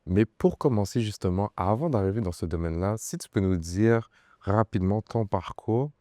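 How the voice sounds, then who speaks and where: Deep-voiced Québécois podcast host. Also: male voice, normal speed, warm tone. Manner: easygoing, loosely phrased questions. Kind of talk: interview questions.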